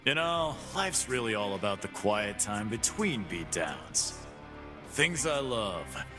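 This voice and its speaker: An actor voices a cocky, brawling fight-pit boss in game voice lines, full of gruff, boastful trash talk. He speaks slowly in a sing-song way with a voice on the low side. Game music plays behind him.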